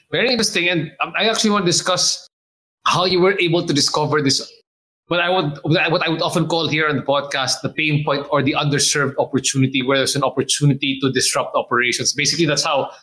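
A Filipino man hosting a podcast, with a bright, slightly high voice. He rambles in a friendly, chatty way and drops Filipino words into his English. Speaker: podcast host. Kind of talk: casual interview chat.

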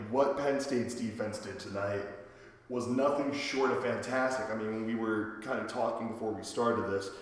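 Hoarse man hosting in an echoing basement. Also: mid-range voice. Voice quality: worn-out voice from a night of cheering. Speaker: podcast host. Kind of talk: casual sports podcast chat. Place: in a home basement. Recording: very echoey basement with reverb.

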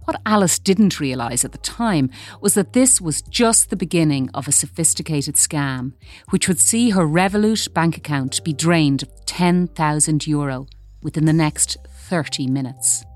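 An Irish woman presenting a news podcast, asking measured, composed questions. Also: low-pitched, lively intonation, a little mellow. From Ireland.

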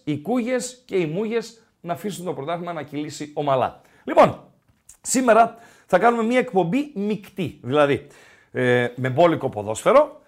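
Chatty higher-voiced male sports radio host. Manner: chatty, rambling, with many filler sounds. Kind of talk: casual football talk on radio. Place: radio studio.

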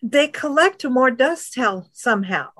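A woman's voice: high voice, animated, measured pace, a bit bright. Candid, chatty woman co-host. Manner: candid and chatty, with frequent "you know". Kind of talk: casual interview chat.

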